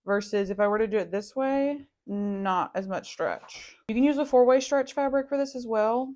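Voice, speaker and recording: A woman's voice: on the high side, normal speed, darkish tone. Chatty young woman doing a sewing tutorial. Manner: chatty, self-interrupting, laughs at herself. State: a little out of breath. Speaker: sewing channel host. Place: home sewing room.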